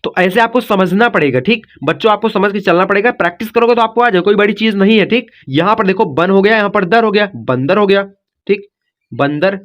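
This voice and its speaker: High-voiced man teaching spelling, coaxing. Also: fairly quick, a bit bright. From India. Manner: repetitive, coaxing, says "ठीक" and "बच्चों" often. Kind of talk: step-by-step spelling lesson.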